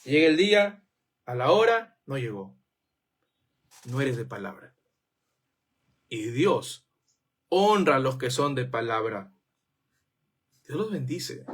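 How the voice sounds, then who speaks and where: A man's voice: mid-range voice, sing-song, slow pace, long pauses, husky. A man preaching a sermon, firing off rhetorical questions and acting out the voices of the people he quotes.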